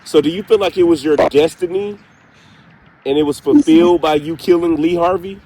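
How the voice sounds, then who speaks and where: A man hosting a paranormal session, speaking deliberately with pauses as he puts direct questions to an unseen spirit. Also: a little high, fairly even intonation, mellow, slight background noise. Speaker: paranormal investigator, host. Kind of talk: slow spoken questioning in a spirit box session.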